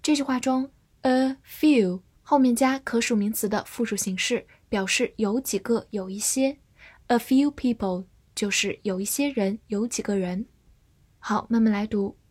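A woman leads a scripted vocabulary lesson at a very unhurried pace. Her voice sits fairly high and has a soft, breathy edge. She spells each word out letter by letter and reads every example sentence slowly and carefully. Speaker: English teacher.

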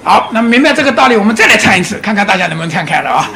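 Male lecturer, very animated pitch, rhetorical questions, chuckling, faint background hiss. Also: very fast. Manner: chuckles often while explaining. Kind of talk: public lecture on Chinese classics and Zen.

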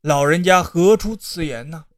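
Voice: mid-range voice, normal speed, dry recording, clean studio sound, close to an everyday voice. Broke scholar in his thirties, formal and stiffly proud, voiced by the storyteller. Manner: formal, feigning righteous restraint.

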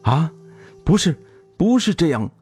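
A desperate young prince, as a male storyteller puts him on, pleading through sobs in a strained voice pitched well above the teller's own. His lines swing up and down with every plea. Quiet music plays underneath. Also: sing-song, a little slow, breathy edge, exaggerated voice. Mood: sobbing plea. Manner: sobbing, pleading.

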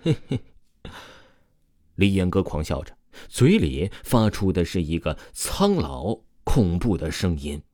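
A man telling a ghost story in a casual, chatty way, with lots of drawn-out particles. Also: deep voice, lively intonation, dark tone, dry recording, studio quality.

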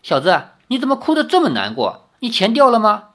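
A proud, cheerful young swordswoman who teases and boasts in quick, lively bursts, as a woman reading a story puts her on. Her voice rises brightly above the narration, confident and playful. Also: mid-range voice, voice pushed up. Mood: teasing.

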